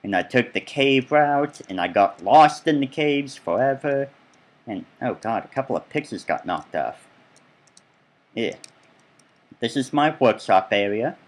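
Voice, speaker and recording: A man's voice: mid-range voice, lively intonation, measured pace. A man giving casual, rambling gameplay commentary as he tours his own build, full of chatty asides. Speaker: let's play gamer.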